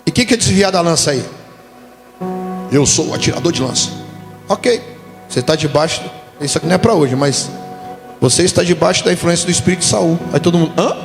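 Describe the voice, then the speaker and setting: A pastor from Brazil preaches with a high, bright-set voice, jumping into little acted quotes as he tells his stories. The sound carries a long hall reverb, with faint music under him. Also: fast talker. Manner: animated storytelling with voiced quotes. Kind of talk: sermon. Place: church conference hall.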